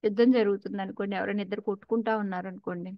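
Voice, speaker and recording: A woman's voice: mid-range voice, steady tone, very fast, no echo, dull audio. A woman with a Telugu accent teaching a scripture class in a conversational way, asking her listeners questions and mixing in English words.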